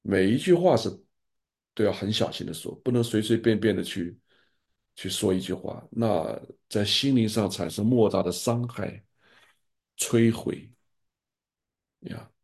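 A gravelly, dark-toned older male pastor speaks in a fairly low register. His voice is husky, and he gives earnest, fatherly advice in a relaxed pastoral sharing. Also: unhurried, pauses often. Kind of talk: pastoral sharing in an online group.

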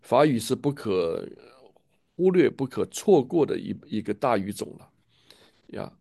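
Gravelly guy in a church chat, eager and preachy, says the same thing over and over. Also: mid-range voice, very animated, a little slow, warm tone, dry recording, studio quality. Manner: enthusiastic, preachy, repeats himself, trailing 呀 particles. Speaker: church leader.

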